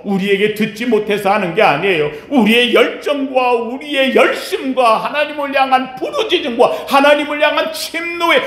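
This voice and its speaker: A male pastor preaching a sermon with passion, his delivery swinging between quiet and loud. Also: sits high. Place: church sanctuary. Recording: echoey church hall.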